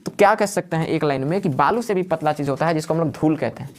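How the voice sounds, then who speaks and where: A man's voice: on the high side, fast talker. A man teaching a live class, who keeps asking questions and answering them himself while repeating the key words. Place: classroom with students.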